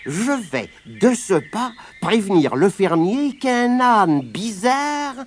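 A man voicing a vengeful, scheming creature from a children's storybook, in a measured tone. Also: high voice, very animated, a little hiss or hum, full character voice.

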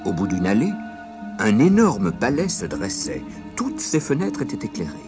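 A man narrating a fairy tale in an expressive, dramatic reading. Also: on the low side, moderate pace, over loud music. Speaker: storyteller.

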